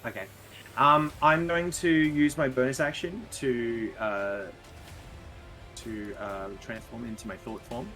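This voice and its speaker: A man's voice: mid-range voice, fairly even intonation, slow pace, pushed and bright, faint music behind. An Australian man playing a tabletop game, hesitating with many ums as he decides his moves. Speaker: player.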